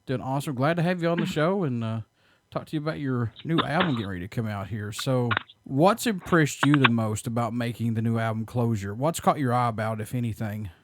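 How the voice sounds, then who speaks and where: A man's voice: medium pitch, fairly quick, slight background noise. A man hosting an interview show, upbeat and reading out prepared questions to his guest. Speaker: host.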